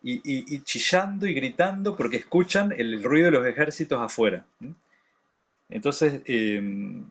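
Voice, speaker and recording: A man's voice: medium pitch, lively intonation, normal speed. A man leading a reading group, commenting on a classic text in a hesitant way with many restarts.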